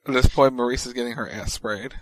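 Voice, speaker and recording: A man in casual chat who chimes in with short, low-key remarks that add details. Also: fast, dry recording, poor audio. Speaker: podcast co-host.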